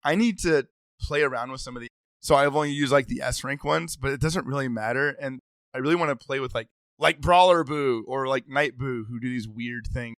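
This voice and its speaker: A man's voice: medium pitch, a bit bright, no room sound. An eager man co-hosts a podcast, chatting casually and breaking into laughs. His voice sits in the middle range, and the recording is dry and close on the mic. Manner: eager, quick restarts, laughs often. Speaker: podcast co-host. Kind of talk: casual gaming chat.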